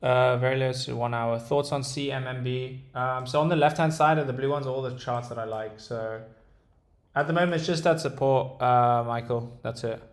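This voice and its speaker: Going over stock charts on a casual livestream, a young British-accented trader in Dubai responds to chat, hesitating often with ums and restarts. He speaks at a normal speed, with medium pitch and a steady tone, and the recording echoes around the room.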